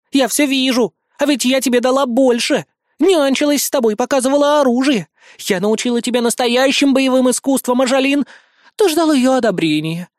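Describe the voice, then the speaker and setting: Male reader as hysterical immortal goddess, high-pitched, shouting, dry close read. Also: no room sound. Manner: shrill, shouting, indignant. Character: hysterical immortal goddess, proud female warrior. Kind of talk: audiobook character voice.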